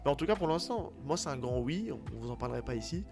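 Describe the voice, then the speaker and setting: A man's voice: medium pitch, animated, fast talker, creaky. A man with a tired, worn voice after a day out in the cold, chatting casually and enthusiastically as a podcast co-host reviewing manga. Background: music behind the talk.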